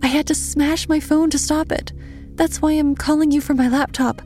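A woman's voice: normal speed, vocal fry, darkish tone, faint music behind. A woman doing a frantic, breathless young woman. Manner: breathless, high-pitched and frantic. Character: panicked young woman, frightened friend on a video call.

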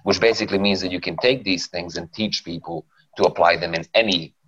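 A man talks in a very low, relaxed voice, dropping casual swears and tagging his points with "right?". He is a guest psychologist on a casual podcast. The audio is dull and lo-fi. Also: brisk, slightly rough. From Serbia. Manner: relaxed, swears freely, often tags with "right?".

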